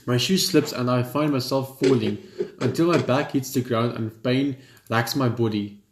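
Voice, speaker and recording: A gaming video host plays through a game, commenting and reading the story text aloud, occasionally stumbling over words. His voice is medium-pitched at a normal pace, with slight hiss or hum. The room has a spacious echo, and faint game music plays underneath.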